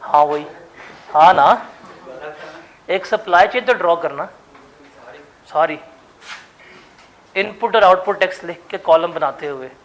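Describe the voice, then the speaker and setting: A man's voice: high voice, unhurried, pauses often, fairly bright tone. A male teacher, teasing and coaxing his students to come up to the board during a classroom lecture.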